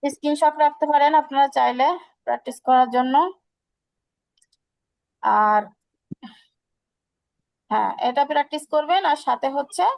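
A woman teaching Arabic letter pronunciation in an online class, patiently repeating each sound slowly. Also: high-pitched, vocal fry, a little mellow, no echo, poor audio. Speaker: Quran recitation teacher.

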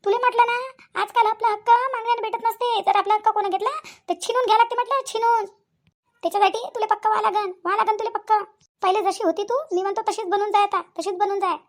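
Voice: very high voice, steady tone. A voice actor playing an older village aunt with a Vidarbha Marathi accent who gives firm, repetitive advice in a cartoon. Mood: urging. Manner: preachy, repeats points, fast. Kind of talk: cartoon voice acting.

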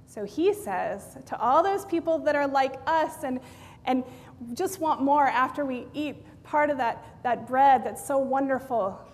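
Woman pastor, high voice, long church reverb, lively storytelling sermon. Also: unhurried. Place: large church sanctuary, indoors.

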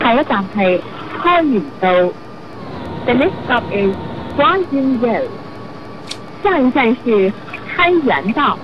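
A woman's pre-recorded bus stop announcement, with separate words spliced together and jumps in tone between phrases, announced slowly and with careful enunciation. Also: a little high, big pitch swings. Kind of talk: automated transit announcement. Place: inside a moving bus. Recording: lo-fi bus loudspeaker with engine noise.

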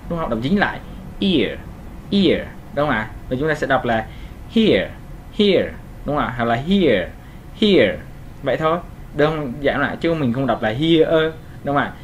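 A man at a medium pitch giving a casual pronunciation lesson. He talks patiently, repeats each sound slowly and keeps asking his listeners whether they follow. A faint hiss sits under his voice. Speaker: English pronunciation teacher.

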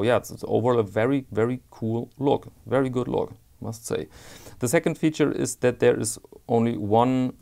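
Male watch reviewer, low-pitched with a fry in the voice, halting and candid in his delivery. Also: a little mellow. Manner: hesitant, repeats words while searching for them; candid personal opinions. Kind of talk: casual product review.

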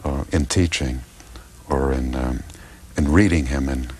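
Older man with a very deep voice. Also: a little slow, a little mellow, breathy edge. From United States. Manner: thoughtful, hesitant, many fillers and restarts. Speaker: political philosopher and translator. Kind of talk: interview answers.

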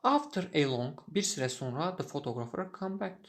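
A man teaching English who reads a short story and translates it line by line, pausing often with filler sounds. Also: fairly high pitch, expressive. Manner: halting, many filler sounds.

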